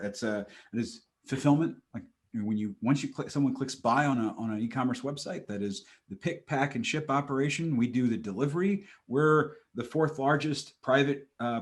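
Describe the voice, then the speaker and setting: Man casually explaining as a podcast guest. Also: medium pitch. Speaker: podcast guest, marketing executive. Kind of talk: conversational explaining. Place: home room, video call.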